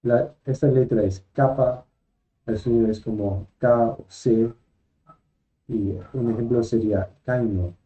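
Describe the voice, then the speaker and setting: Male teacher, patient, repeats each example, very dark mellow tone, dull lo-fi sound. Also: mid-range voice, steady tone, a little slow. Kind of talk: slow lesson, spelling out letters and sounds.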